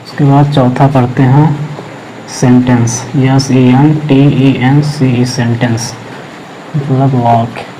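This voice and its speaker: Male grammar teacher, slow flat delivery, dictating, noisy hum behind. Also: mid-range voice. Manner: slow, dictating words while writing on a board. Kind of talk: classroom lesson explaining grammar.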